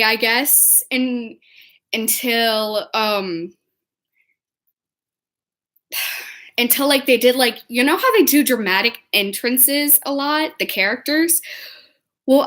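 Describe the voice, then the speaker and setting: A young woman casually telling convention stories to the camera, chatty and excitable, acting out what people said. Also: on the high side, slow pace, pauses often. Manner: chatty, excitable, acts out quotes in different voices. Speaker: vlogger. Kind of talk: casual storytelling vlog.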